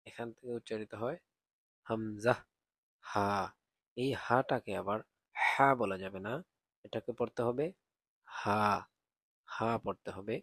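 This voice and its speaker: A man teaching Quran reading, explaining where each Arabic letter is sounded and drilling it aloud, often louder on the repeats. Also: lowish voice, normal speed, no echo. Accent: Bangladeshi Bengali. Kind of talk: slow pronunciation lesson.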